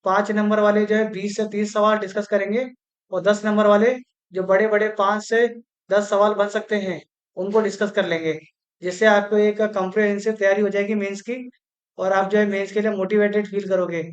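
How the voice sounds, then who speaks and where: Here the grammar teacher, prepping students for an exam, repeats words slowly and spells out syllables, often switching into English from Hindi. The medium-pitched voice shows little pitch movement.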